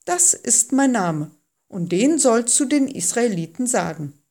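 A woman's voice: on the high side, very animated, unhurried, a little mellow, pitched above the performer's own voice, full character voice. A woman voicing God speaking from a burning bush, solemn and commanding, in a read-aloud storybook.

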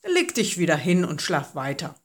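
A woman voicing an old male temple priest who answers calmly and patiently in a read-aloud storybook. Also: deep voice, moderate pace, slightly rough, full character voice.

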